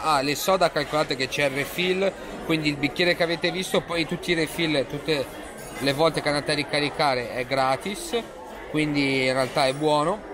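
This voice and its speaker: A young man chatting casually to camera as a food vlogger, addressing his viewers with jokes while he eats in a busy restaurant, filmed on a small handheld camera mic at arm's length. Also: a little high. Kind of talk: casual vlog talk to camera. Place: busy restaurant in a shopping mall. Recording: noisy crowd and music behind. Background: loud crowd chatter and music.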